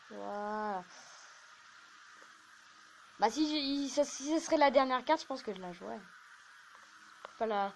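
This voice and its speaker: A woman YouTuber chatting through her game in a loose, rambling way, poking fun at herself. Her voice sits a little high, and a faint hiss runs under the recording. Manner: chatty, rambling, self-mocking. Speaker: gaming YouTuber. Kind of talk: casual gameplay commentary.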